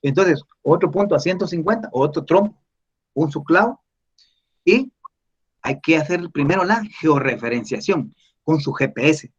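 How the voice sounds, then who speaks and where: A man teaching surveying in an online class, explaining slowly and patiently over a video call. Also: on the high side, animated, slightly rough, highs cut off. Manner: slow, explanatory, addresses listeners as "mis estimados". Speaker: surveying instructor answering questions.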